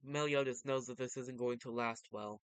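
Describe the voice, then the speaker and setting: Smooth-voiced man giving casual manga commentary. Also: mid-range voice, steady tone, normal speed, no room sound. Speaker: vtuber reading and commenting on manga.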